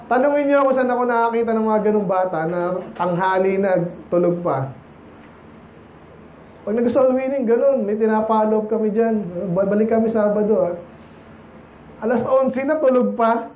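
A Filipino pastor preaches a sermon in a church sanctuary, his high male voice moving at a moderate pace. He keeps things conversational and playful, constantly throwing rhetorical questions at the congregation. Slight background noise sits under the echoey, muffled recording.

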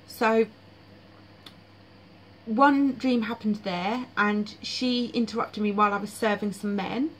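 A woman's voice: mid-range voice, a little hiss or hum, rough recording. A woman vlogging about her dreams in casual, frank, blunt monologue with frequent fillers.

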